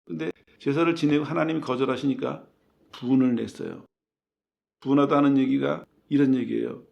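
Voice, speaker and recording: A male pastor delivers a sermon with a gravelly, creaky voice. He explains scripture in plain terms and keeps asking the congregation rhetorical questions. The recording sounds dull and lo-fi. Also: medium pitch, a little mellow.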